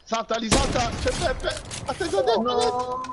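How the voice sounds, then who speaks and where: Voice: high-pitched, a little slow, background noise. A gamer exclaiming in casual banter during a match. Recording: loud crowd of overlapping voices.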